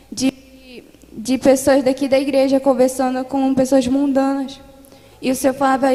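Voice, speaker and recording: A woman's voice: high-pitched, warm tone, long reverb tail. A Brazilian woman earnestly recounting a vision to her congregation, repeating herself and calling the listeners beloved. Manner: earnest, repetitive storytelling, addresses listeners as beloved. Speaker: church member giving testimony.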